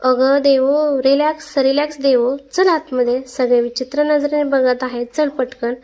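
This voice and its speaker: A woman's voice: sits high, little pitch movement, a little slow, darkish tone. A woman voicing a caring young woman roommate who asks soothing, concerned questions.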